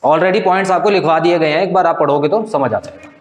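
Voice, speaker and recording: A man's voice: a little high, fast talker. Male tutor, slightly raised voice, patient stepwise live-class explaining. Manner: explains step by step, often checks with "clear?". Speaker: teacher. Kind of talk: live online math class.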